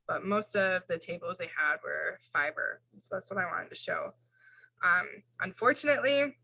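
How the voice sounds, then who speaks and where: A woman's voice: fairly low pitch, vocal fry, sharp tone, breathy edge, poor audio. A woman instructor giving an informal recorded lecture, walking through slides in a casual way with fillers and self-corrections.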